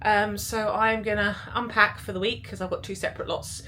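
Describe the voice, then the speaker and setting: A British woman with a mid-range, bright, forceful voice vlogs from a cruise ship, speaking briskly with little pitch movement. She's a travel vlogger in casual chat mode, chatty and rambling with lots of fillers. Music plays clearly behind her voice.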